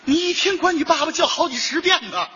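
A man performing stage crosstalk comedy, teasing his partner with quick retorts. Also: very high-pitched, bright, forceful tone, lo-fi sound.

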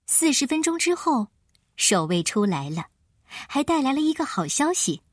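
A woman storyteller giving expressive scripted narration of a children's tale. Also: high voice, moderate pace, no room sound, studio quality.

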